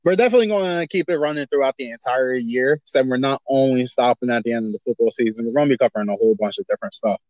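A man co-hosting a casual podcast, talking in loose, slangy, animated banter. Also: mid-range voice, very fast, few pauses, no room sound, lo-fi sound. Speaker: podcast co-host. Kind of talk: casual chat.

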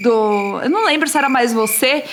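Brazilian female co-host, high pitch, gushing and slangy casual chat, slight noise on the recording. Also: brisk, fairly bright tone. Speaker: podcast co-host.

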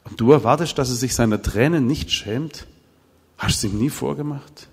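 Middle-aged male preacher, animated storyteller who acts out dialogue, recorded in a reverberant hall. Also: mid-range voice, normal speed, breathy edge. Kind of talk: sermon with told stories.

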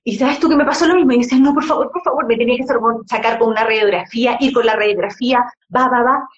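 Chatty, emotional woman host, lively storyteller, slightly high voice, muffled online-call audio. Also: fast. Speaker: host of a live conversation. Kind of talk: casual chat.

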